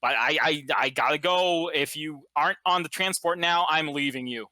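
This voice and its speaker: A frantic dispatcher crackles over the radio, stammering and urgent, as a game master puts him on. The voice is very bright and crisp. It is recorded close and dry. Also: male voice, a little high, moderate pace, no room sound. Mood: panicked. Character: panicked male radio dispatcher. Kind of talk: playing a tabletop game character.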